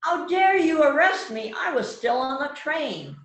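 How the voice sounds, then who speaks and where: A woman's voice: high-pitched, big pitch swings, unhurried, full character voice. A woman playing an indignant, gossipy murder suspect in an amateur mystery reading, with theatrical exclamations. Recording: echoey online call.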